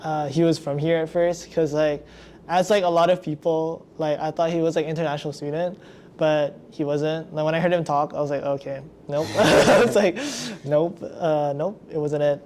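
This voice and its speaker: A young podcast host from Indonesia chats casually, packing his sentences with fillers, especially lots of "like." His voice is on the high side and steady in tone at normal speed, with background noise present.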